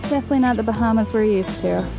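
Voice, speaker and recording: A woman's voice: medium pitch, rapid-fire, gravelly, over music, low-quality recording. A young adult woman in casual chat, narrating an island hike as a sailing vlogger. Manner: chatty, light laughs. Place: outdoors on an island trail.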